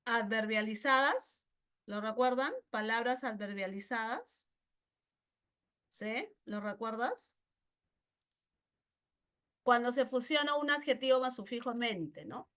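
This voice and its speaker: Slow, higher-pitched woman teaching grammar. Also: a bit bright, clean tone. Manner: slow and repetitive, checks understanding with frequent questions. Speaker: language teacher. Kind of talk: pre-university grammar lesson.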